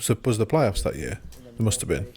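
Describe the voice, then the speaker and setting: A man's voice: lowish voice, big pitch swings, a little fast, dark tone. A man co-hosting a casual watch-along chat, chiming in with short, approving remarks. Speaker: podcast co-host.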